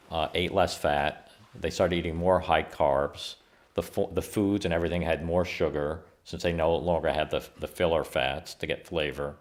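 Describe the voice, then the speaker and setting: A middle-aged man with a low, deep voice answers interview questions as a scientist guest. He talks in a measured, explanatory way and often restarts his phrases. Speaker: guest scientist and company founder.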